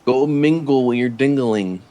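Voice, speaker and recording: A man teasing a friend with deadpan remarks while playing a roleplay game. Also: medium pitch, unhurried. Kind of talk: casual in-game chat.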